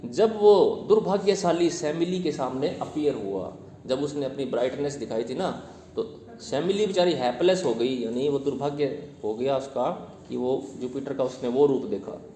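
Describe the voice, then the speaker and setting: A man teaching a poem to his class, explaining each line in Hindi mixed with English terms and reading the verse slowly. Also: medium pitch, mellow, a little hiss or hum. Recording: echoey room, long reverb.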